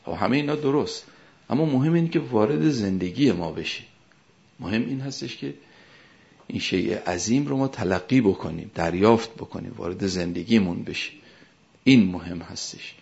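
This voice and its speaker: A man preaching a sermon as a cleric, emphatic, his voice swelling and dropping sharply in loudness. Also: on the low side, gravelly, muffled recording.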